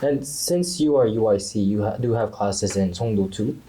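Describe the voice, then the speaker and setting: Young woman host with an unusually low voice and a relaxed, chatty delivery, recorded with clear background noise. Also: moderate pace, rough recording. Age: young adult. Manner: relaxed, lots of "um" and short reactions. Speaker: podcast host. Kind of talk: casual podcast chat.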